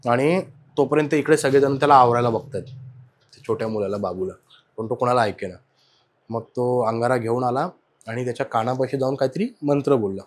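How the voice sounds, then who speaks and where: Animated male storyteller, casual chat. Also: medium pitch, brisk. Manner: animated, swings loud and soft while telling the story. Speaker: guest sharing personal ghost experiences.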